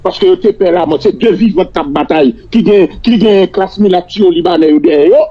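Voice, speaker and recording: High-pitched Haitian man, Creole-mixed French. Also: mellow. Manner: mixes French with Creole, repeating words haltingly. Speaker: political commentator. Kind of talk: political analysis on a talk show. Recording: dull lo-fi radio-like audio.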